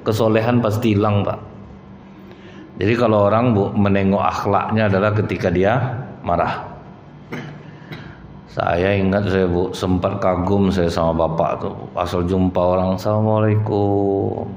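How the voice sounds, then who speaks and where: Preacher in an echoing hall. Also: male voice, low voice, flat delivery, measured pace, long pauses, a little mellow, a little hiss or hum. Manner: storytelling, addresses listeners as Pak and Bu. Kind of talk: sermon. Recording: roomy, dull hall recording.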